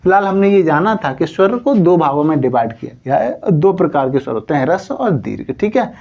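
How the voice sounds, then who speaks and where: A man's voice: on the high side, big pitch swings, a little fast, gravelly, lo-fi sound. A man teaching Hindi grammar in an exam coaching lesson. He asks and answers his own questions, keeps saying "theek hai", and stretches words out to show how long the vowels are.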